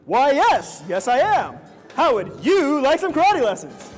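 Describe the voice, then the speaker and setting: A man's voice: very high-pitched, wildly swooping pitch, unhurried, full character voice. A man playing a cocky, showy, deluded karate master who brags about himself. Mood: boastful. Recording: echoey hall, faint music.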